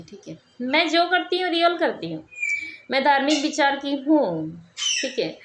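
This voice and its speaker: A woman's voice: fairly high pitch, fairly bright tone, a little hiss or hum. A young woman telling a personal story in a casual vlog, chatty and keeps checking in with her listener. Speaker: vlogger.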